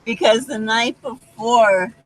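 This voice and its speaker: Easygoing woman with a low voice. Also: takes it slowly, low-quality recording. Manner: easygoing, trails off. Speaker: vlogger co-host. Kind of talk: casual live-stream chat. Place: outside by their van.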